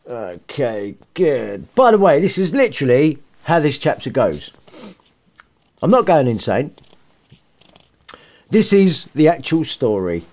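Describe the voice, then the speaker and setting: A man with a mid-range, slightly mellow voice narrates a storybook comically and theatrically, tossing in irreverent, sarcastic, sweary asides. He is a story reader and podcast host.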